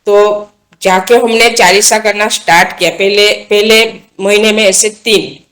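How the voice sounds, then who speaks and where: A woman's voice: mid-range voice, steady tone, unhurried, fairly bright tone. A woman guest telling a personal devotional story in an earnest, casual way, often repeating and restarting her phrases as she goes. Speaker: guest recounting a devotional experience.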